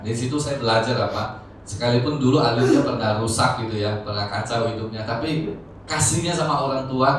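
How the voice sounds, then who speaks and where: A man in his forties, a church leader, tells a personal testimony in a conversational way, full of fillers and growing animated as he retells events. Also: medium pitch, slight background noise. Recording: echoey hall, mic far off.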